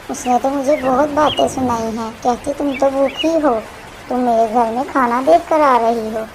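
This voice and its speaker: A sickly old cartoon auntie, voiced by a woman, high-pitched and complaining, kind at heart but quick to scold. A noisy hiss sits under the voice. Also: close to an everyday voice.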